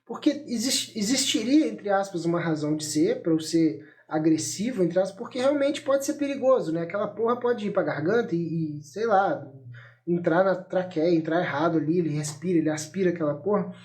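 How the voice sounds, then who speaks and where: A man in his thirties hosting a parenting podcast, talking calmly and reflectively in a loose conversational way, with frequent fillers and restarts, recorded on a phone. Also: high-pitched, fairly quick. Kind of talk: reflective solo podcast talk. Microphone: phone held up while talking.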